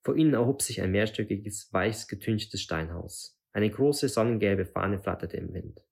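A man reading a fantasy novel aloud in a measured, suspenseful way. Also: on the low side, creaky, darkish tone, husky. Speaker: audiobook reader.

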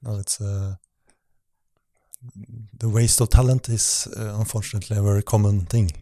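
A man's voice: fairly low pitch, steady tone, normal speed, dark tone, dry recording, clean studio sound. A man hosting a podcast, offering short agreements and musing asides. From Norway. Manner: brief backchannels, musing asides. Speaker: podcast host. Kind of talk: casual podcast conversation.

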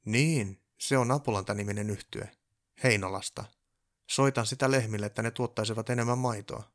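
A man doing a loud, pompous tinkerer elf. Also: fairly low pitch, natural voice. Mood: self-assured. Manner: loud, self-assured, pompous.

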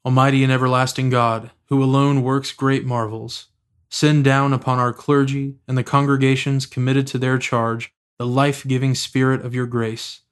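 Male officiant for prayers and scripture: solemn, measured, flat intonation, medium-pitched voice. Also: clear, resonant tone. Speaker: officiant leading daily prayer. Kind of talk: liturgical recitation of prayers and scripture.

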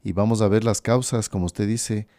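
A priest speaks in a low, mellow voice on a podcast, reflective and conversational. The sound is dry and close, with no room around it. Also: male voice, fairly even intonation, normal speed, no room sound. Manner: reflective, conversational, often asks "¿no?".

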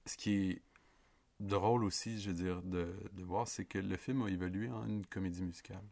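A man in his thirties with a Quebec French accent chats about films on a podcast. His voice sits very low and gravelly, and his talk is relaxed and full of asides. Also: normal speed. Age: 30s. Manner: relaxed, frequent "je veux dire" asides. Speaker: podcast co-host. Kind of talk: casual film discussion.

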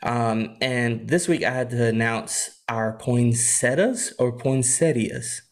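A young man chatting on a podcast, loose and easygoing, laughing between stories. His voice sits at an everyday middle pitch. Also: flat delivery, measured pace. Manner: laughs often, chatty with frequent "like" fillers. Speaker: podcast co-host. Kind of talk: casual chat.

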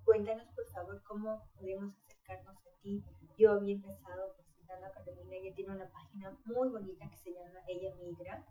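A woman's voice: mid-range voice, warm tone. A woman hosting a podcast interview, encouraging and inviting as she wraps up with her guest. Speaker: podcast host. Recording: dull, echoey, distant from the mic.

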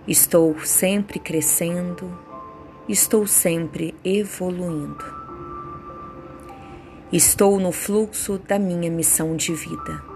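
Soothing, slow-paced woman guiding meditation. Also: on the low side. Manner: slow, soothing, unhurried delivery with pauses. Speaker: meditation guide. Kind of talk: guided meditation with affirmations. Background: soft background music.

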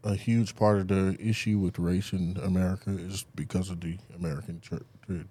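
A man co-hosting a casual podcast chat, joking and chiming in with quick reactions. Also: deep voice, fairly even intonation, warm tone, husky. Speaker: podcast co-host.

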